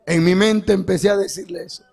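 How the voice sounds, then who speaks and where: A man giving a fervent testimony sermon as guest preacher, rising to shouts and calling out to his brothers. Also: high-pitched, fairly even intonation, a little fast, vocal fry, slightly rough.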